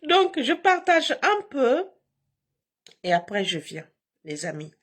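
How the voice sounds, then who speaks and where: A woman's voice: sits high, sing-song, slow, breathy edge. A woman hosting a casual live stream from home on her phone, talking in a combative, emphatic way with frequent laughs.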